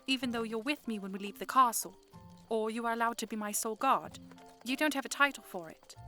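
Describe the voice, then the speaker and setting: A woman's voice: a little high, sharp tone. A woman playing a polite, earnest young princess with formal, articulate phrasing in a fan audio drama, music behind her.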